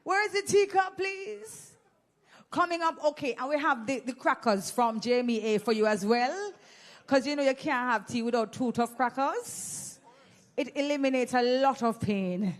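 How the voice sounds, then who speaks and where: A Jamaican woman emcees an event, teasing and chatting with the crowd through a handheld mic. Her voice sits a little high and moves at a normal speed. It's lively banter with the audience.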